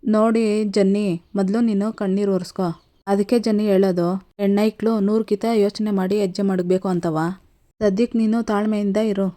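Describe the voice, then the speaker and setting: A woman's voice: mid-range voice, flat delivery, a little fast, dark tone, close to an everyday voice. A woman voicing a young college friend who scolds and then comforts, in her own plain voice. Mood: scolding.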